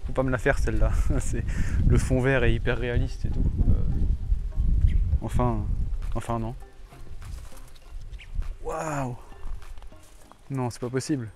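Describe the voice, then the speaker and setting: A man's voice: medium pitch, fairly even intonation, slow, pauses often, over music. A man talking to camera in a casual, enthusiastic astronomy travel vlog outdoors, with many fillers and restarts. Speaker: astronomy vlogger. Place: outdoors in a hilly valley.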